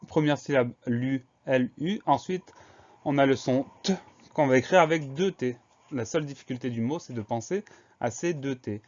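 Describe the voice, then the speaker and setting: A man's voice: mid-range voice, moderate pace, a little mellow. A man teaching a spelling lesson for schoolchildren, patiently spelling each word out letter by letter and repeating it. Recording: dull lo-fi recording.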